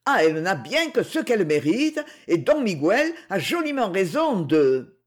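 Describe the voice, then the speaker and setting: A man's voice: sits high, big pitch swings, measured pace, exaggerated voice. A reader voicing an impulsive, angry young man who talks heatedly.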